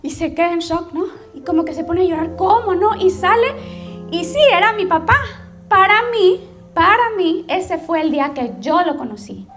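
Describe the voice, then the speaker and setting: A woman's voice: very high voice, lively intonation, fairly quick, soft background music. A Mexican woman pastor telling her life story as a testimony, storytelling and often checking in with the audience. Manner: storytelling, addresses the audience directly with frequent "¿ok?". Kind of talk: personal testimony sermon.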